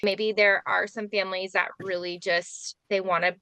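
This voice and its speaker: Woman host, bright voice, dry close sound, casual interview, affirming. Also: mid-range voice, little pitch movement, normal speed, clear, resonant tone, no room sound. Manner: rambling questions, affirming. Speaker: podcast host.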